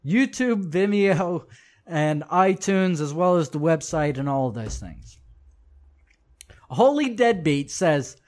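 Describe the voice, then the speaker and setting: A man with a voice pitched a little above the usual leads a lesson, reading passages aloud and breaking off to comment on them. He talks emphatically and often repeats a phrase for stress, turning to address his listeners directly. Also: very animated, slow, a little mellow. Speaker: religious teacher.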